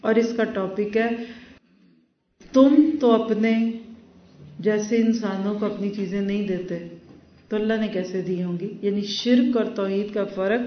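A woman teaching a Quran lesson, reciting Arabic verses and then explaining them in a measured way, with stories along the way. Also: mid-range voice, fairly even intonation. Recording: roomy, distant, dull lo-fi recording.

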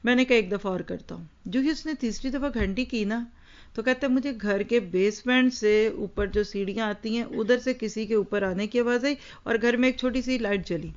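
A woman giving an Islamic lecture, telling a story and asking her listeners rhetorical questions, with English words mixed in. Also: on the high side. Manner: mixes English words into Urdu. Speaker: religious teacher. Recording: dull lo-fi recording.

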